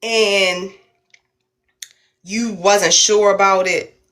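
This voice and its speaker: A woman's voice: mid-range voice, steady tone, drawn-out words, a bit bright. A woman, co-hosting a casual podcast in a playful, joking way. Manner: joking, playful, eating while talking. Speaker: podcast co-host. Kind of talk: casual chat. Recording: echoey room with faint noise.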